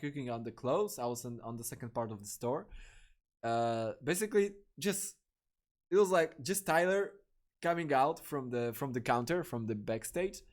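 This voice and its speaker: Excitable young man telling a rambling story. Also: mid-range voice. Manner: rambling, profane, excitable, many fillers and restarts. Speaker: podcast host. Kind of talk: casual storytelling.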